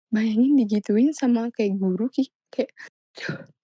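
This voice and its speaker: A young woman telling a story in casual chat, animated and full of fillers. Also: on the high side, unhurried, slightly rough, no room sound, clean studio sound. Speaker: guest.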